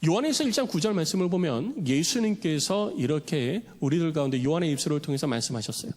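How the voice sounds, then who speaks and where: A man preaching a Sunday sermon as pastor in a church sanctuary, lively and dramatic, acting out the voices he quotes. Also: on the high side, fast. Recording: long church hall reverb.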